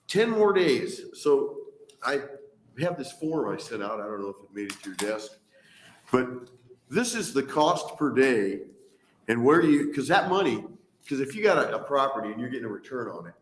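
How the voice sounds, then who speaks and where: A man's voice: mid-range voice, animated, fairly quick. Casual, wry man in an echoey hearing room. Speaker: landlord and auctioneer testifying at a hearing. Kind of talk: spoken testimony.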